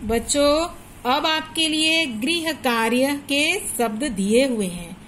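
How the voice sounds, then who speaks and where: A woman teaching a class of small children in a high, bright voice. She speaks very slowly and deliberately, reading out word lists one by one. A faint hum of room ambience sits behind her. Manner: slow, patient teaching with drilled word lists; asks pupils questions, then answers them herself. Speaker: primary school teacher. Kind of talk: recorded online Hindi class for first-graders.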